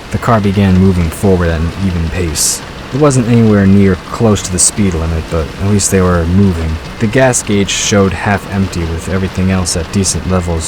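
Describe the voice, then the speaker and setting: A man with a low-pitched voice narrates an audio drama, reading scripted story lines over sound effects of rain and vehicles. The audio quality is poor.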